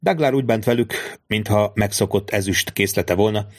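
A male narrator reads a classic novel aloud in steady, measured storytelling. His voice sits somewhat low. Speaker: audiobook narrator. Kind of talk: scripted literary narration.

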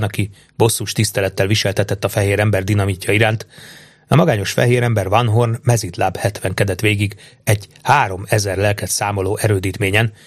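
A man reading an adventure novel aloud in a steady, measured narration. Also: on the low side, no echo. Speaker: audiobook narrator. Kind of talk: scripted narration.

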